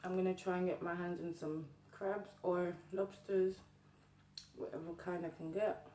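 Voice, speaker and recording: A young woman with a Jamaican accent chats casually to her viewers over a meal, chewing while she talks. Her voice is soft-edged and mellow. It is picked up from some distance in a roomy space, with faint noise behind it. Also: lowish voice, little pitch movement, normal speed. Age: young adult. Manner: chewing while talking, with mouth often full. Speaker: mukbang vlogger. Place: small indoor room at a table.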